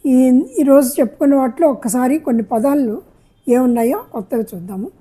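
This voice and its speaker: A woman teaches Sanskrit in a high, mellow voice with a husky edge. She repeats each phrase and glosses it patiently, as in a calm classroom lesson. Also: a little fast. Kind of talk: slow spoken language lesson, explaining Sanskrit phrases in Telugu.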